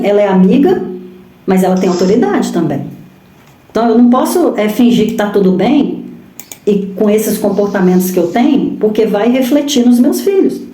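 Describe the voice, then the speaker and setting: A woman's voice: on the high side, warm tone. Brazilian woman, women's ministry speaker; emphatic sermon delivery, rhetorical questions, roomy echo. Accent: Brazilian Portuguese. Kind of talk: sermon on marriage and parenting. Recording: echoey room.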